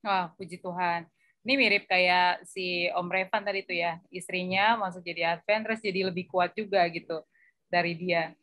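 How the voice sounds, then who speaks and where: A woman's voice: lowish voice, fairly even intonation, normal speed, pushed and bright, dry recording. A woman hosting a casual interview, affirming her guests with short responses. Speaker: host.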